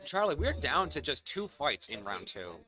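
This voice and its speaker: Hoarse-ish young guy calling robot fights, bright voice, pitch jumps all over. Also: normal speed. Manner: excitable, shouts at knockouts. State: losing his voice. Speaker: commentator. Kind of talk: live robot combat commentary.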